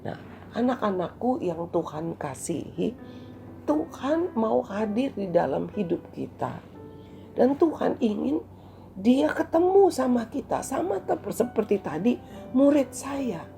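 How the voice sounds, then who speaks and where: A woman who used to teach gives a children's daily devotional talk, gently telling a story. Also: a little high, very animated, takes it slowly, vocal fry, soft background music. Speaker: devotional speaker and former teacher.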